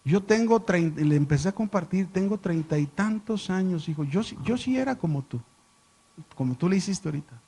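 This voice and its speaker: High-voiced teacher. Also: male voice, a little fast, breathy edge. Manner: chatty, quizzes the class with rhetorical questions; animated storyteller, jokes with listeners. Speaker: Bible class teacher. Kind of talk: conversational Bible lesson to a class. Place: church classroom with a live audience.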